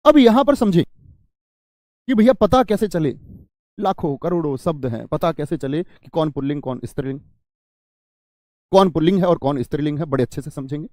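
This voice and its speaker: A man's voice: on the high side, expressive, brisk, mellow, no echo, studio quality. A man teaching an exam-prep grammar lesson, who asks his students questions, answers them himself and repeats key phrases.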